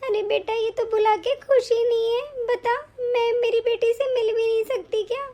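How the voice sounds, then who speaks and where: A woman's voice: very high voice, flat delivery, moderate pace, mellow. Woman voicing a whining older mother-in-law. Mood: self-pitying. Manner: complaining, reproachful. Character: bitter older mother-in-law, self-pitying. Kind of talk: animated story voice acting.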